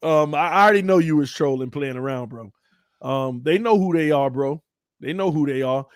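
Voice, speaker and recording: A man hosting a fan talk show, fired up and shouting as he rants. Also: on the high side, moderate pace, dry recording, studio quality. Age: 30s. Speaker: fan channel host.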